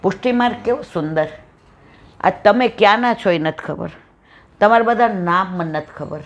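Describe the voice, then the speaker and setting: A woman's voice: lowish voice, a little slow. A woman from Saurashtra with a Saurashtra Gujarati accent, giving a devotional satsang talk at home and acting out the dialogue of her stories with affection. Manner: animated storyteller, acts out dialogue, affectionate devotional tone. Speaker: satsang speaker. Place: home room with visiting devotees. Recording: dull lo-fi recording.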